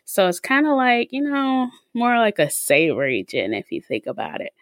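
A podcast co-host chats casually in a medium-pitched voice whose pitch swoops wildly, keeping a normal speed and peppering her talk with lots of "like"s and "um"s. The audio is clean studio sound with no room echo.

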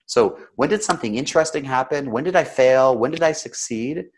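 A man who is slightly sick, coaching conversationally with examples in a practised storyteller's delivery, with emotion and deliberate pauses. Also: medium pitch, lively intonation. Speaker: storytelling coach and interview guest.

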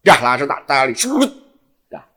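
Animated Javanese-accented storyteller man. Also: a little high, fairly quick. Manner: animated storytelling with sound effects. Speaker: guest telling a tall tale. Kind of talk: casual chat.

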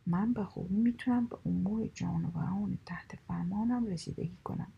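A woman's voice: medium pitch, gravelly, husky, highs cut off, exaggerated voice. A woman whispering a storybook reading, voicing a proud, gullible male deer who grows indignant. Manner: proud, then indignant, raised voice.

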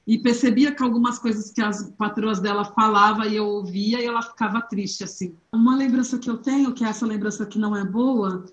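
A woman's voice: mid-range voice, steady tone, brisk, few pauses. A woman with a Brazilian Portuguese accent recalling her childhood in a reflective way, now and then acting out the voices of people she remembers. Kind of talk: personal recollection. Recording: echoey room, dull lo-fi sound.

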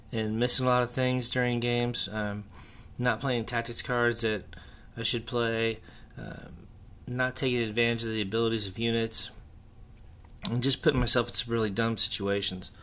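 A man hosting a casual, unscripted solo hobby chat, thinking aloud haltingly in an echoey, stripped-out bunker room. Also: medium pitch, a bit bright. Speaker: podcast host. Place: echoey indoor room under renovation, torn-out walls.

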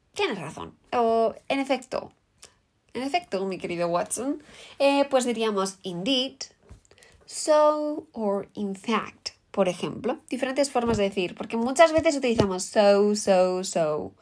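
A woman's voice: on the high side, animated, unhurried. A woman with a Peninsular Spanish accent giving an upbeat English lesson, explaining vocabulary and saying the example words in English. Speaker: English teacher. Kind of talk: language lesson.

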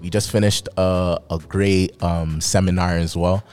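Man, low voice, casual podcast host, upbeat, encouraging, faint music. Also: steady tone, a little slow, a little mellow. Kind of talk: casual podcast interview chat.

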